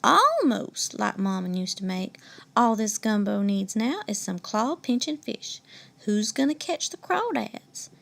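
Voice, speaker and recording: Woman reading an old grumpy storybook gator: slow, gravelly, stubborn. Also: mid-range voice, sing-song, a bit bright, full character voice. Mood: determined. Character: old grumpy male alligator cook.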